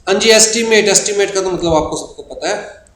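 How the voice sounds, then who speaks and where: Male teacher, Indian English accent, patient explainer, slightly high pitch, echoey room with faint hiss. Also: a bit bright. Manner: explains terms patiently, slows down when reading definitions. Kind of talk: recorded exam-prep lecture.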